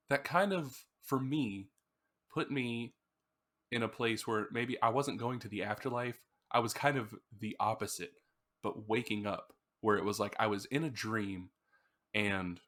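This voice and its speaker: In a casual podcast conversation about an album, a co-host with a medium-pitched, somewhat bright voice speaks at a measured pace. He rambles through his stories and acts out screams as he goes.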